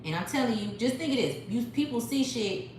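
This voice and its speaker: On a phone, a woman hosts a spiritual livestream, addressing her viewers directly in a profane, preachy manner. Her voice is fairly high, expressive, and brisk, recorded in a very echoey room with noise.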